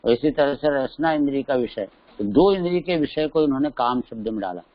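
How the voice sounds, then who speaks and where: A man's voice: medium pitch, expressive, fairly quick, no echo. A middle-aged man giving a religious discourse, telling a story and acting out voices in the quotes. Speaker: Jain scripture teacher. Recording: dull lo-fi dry recording.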